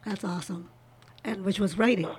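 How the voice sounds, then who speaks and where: A woman hosting an interview podcast, reading a scripted guest introduction and then asking questions in a soft, encouraging way. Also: mid-range voice, fairly even intonation, normal speed, breathy edge. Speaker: podcast host.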